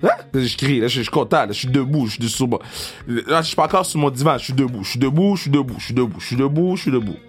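A man in his thirties with a Québécois French accent, telling a casual, excitable story and swearing, with English words mixed in. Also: medium pitch, quick pace, faint music behind. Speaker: vlogger.

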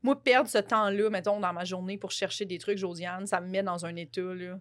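A woman with a Quebec French accent, chatting casually with emphatic, quick reactions. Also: medium pitch, fairly even intonation, fairly bright tone. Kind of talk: casual chat.

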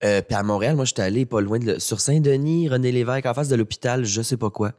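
A man's voice: mid-range voice, fast talker, a little mellow. A young adult man with a Quebec French accent, rambling in casual podcast chat with a self-mocking, anxious edge. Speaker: comedian guest.

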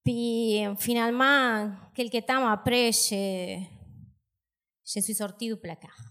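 A woman from South America with a strong South American Spanish accent, doing a deadpan, self-mocking stand-up set. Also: fairly high pitch, slow pace. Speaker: stand-up comedian.

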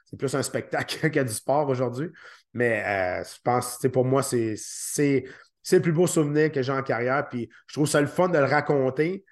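Man, Québécois French accent, podcast guest, halting, repeats words. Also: medium pitch. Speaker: guest, former fighter. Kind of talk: podcast interview.

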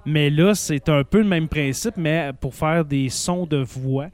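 A man's voice: on the high side, a little slow, a little mellow. A man with a Québécois French accent doing a casual, encouraging interview, asking questions and echoing answers back.

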